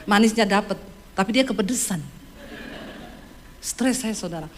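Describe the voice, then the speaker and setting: A woman's voice: mid-range voice, normal speed, a little hiss or hum. A woman pastor from Sulawesi with a Sulawesi accent, preaching a sermon with emphatic, comic storytelling. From Sulawesi, Indonesia.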